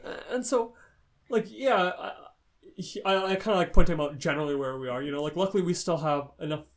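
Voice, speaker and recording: A man's voice: fairly high pitch, fairly quick. A man co-hosting a podcast, retelling a story in casual chat with lots of swearing. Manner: heavy swearing, animated retelling. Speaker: podcast co-host.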